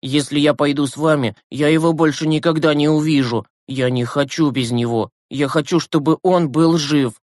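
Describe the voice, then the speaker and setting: A man reading an audiobook who voices a weary, grieving teenage boy, low and slow. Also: fairly even intonation, a little mellow, no echo, studio quality, natural voice. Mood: despairing. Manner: low, slow, exhausted, withdrawn.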